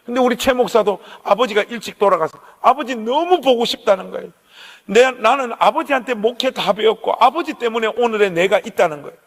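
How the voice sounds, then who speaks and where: A middle-aged pastor with a Gyeongsang Korean accent delivers a storytelling sermon, his voice pitched notably high. He talks straight to the pews in a lively, animated way. A long reverb from the church sanctuary trails every phrase. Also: fairly quick. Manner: animated storyteller, addresses the congregation directly.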